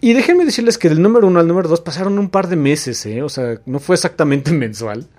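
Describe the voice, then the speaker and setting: A man hosting a casual comic book podcast, retelling the story in a joking, animated way. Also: fairly high pitch, quick pace. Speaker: podcast host.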